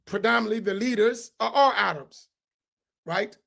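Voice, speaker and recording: A middle-aged American imam speaks on a roundtable panel, emphatic and preacherly, often checking in with listeners through rhetorical questions. His voice is high-pitched, gravelly and a bit bright, at a moderate pace.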